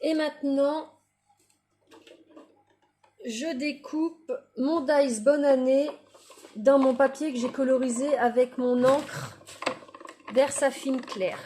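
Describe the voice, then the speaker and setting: Slow-talking high-voiced woman crafter. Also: slight background noise. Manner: calm, describes each step as she works. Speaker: craft tutorial host. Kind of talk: casual step-by-step craft tutorial.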